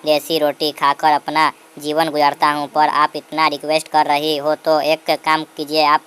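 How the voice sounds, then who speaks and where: A man voicing a flattering, freeloading distant relative in a comedy sketch, soft and wheedling. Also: on the high side, moderate pace, clean tone, close to an everyday voice.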